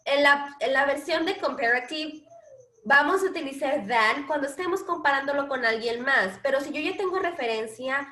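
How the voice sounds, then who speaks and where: A high, bright-voiced woman teaching a grammar lesson in a classroom. She speaks slowly, stretching each example word and pausing to check the class keeps up. The sound rings with noticeable room echo. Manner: slow, drawn-out English examples, frequent checks with the class. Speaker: English teacher.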